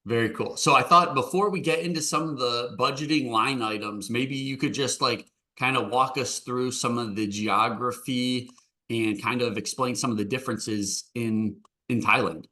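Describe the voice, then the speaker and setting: Young male podcast host, bright forceful tone, easy conversational delivery. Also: mid-range voice, normal speed. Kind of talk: casual interview hosting.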